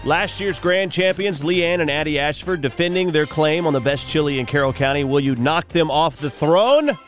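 A man's voice: fairly high pitch, normal speed, faint music behind. A man hosting a morning radio show in upbeat, folksy, exclamatory patter. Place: radio studio.

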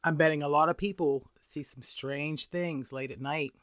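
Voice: mid-range voice, fairly even intonation, moderate pace, a bit bright, no room sound, studio quality. A show host reading scripted true stories of the paranormal as a narrator.

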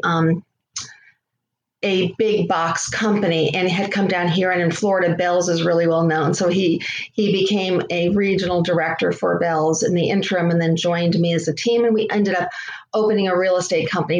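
A middle-aged woman from Connecticut tells her personal story as an interview guest, in a reflective, heartfelt way, and her voice carries a heavy echo. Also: on the low side. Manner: reflective and heartfelt, with many pauses. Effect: heavy echo around the voice. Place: echoey room. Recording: echoey room, faint noise.

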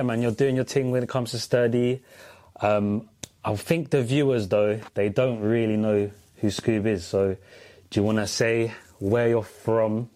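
A man's voice: on the low side, a little mellow. A man with a London accent hosting a casual podcast chat, slangy and often repeating his phrases. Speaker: podcast host, interviewer.

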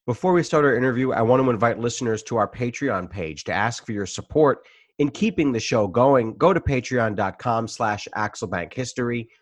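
A man's voice: mid-range voice, fairly quick, no echo. Man hosting a history interview show. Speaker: podcast host and interviewer. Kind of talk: scripted introduction and interview questions.

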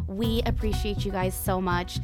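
A woman's voice: mid-range voice, fairly even intonation, normal speed, over music. A woman bantering casually as a podcast co-host, informal and slangy. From Northern California. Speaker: co-host of a true crime podcast.

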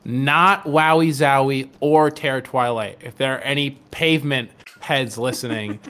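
A man's voice: medium pitch, steady tone, measured pace, bright, forceful tone. A man in casual podcast chat, rambling with many fillers and firm opinions.

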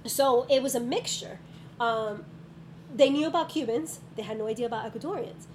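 A woman's voice: fairly high pitch, moderate pace, rough recording. A woman school counselor chatting casually in an interview, telling stories with frequent ums. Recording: steady background noise.

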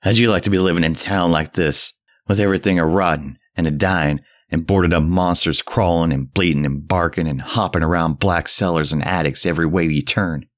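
A man voicing a terrified old drunk who rants in a shrill, cracking old voice and a rustic dialect. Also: fairly even intonation, a little fast, close to an everyday voice. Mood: goading. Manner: rustic old New England dialect, ranting. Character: terrified old male drunk, rambling and frantic.

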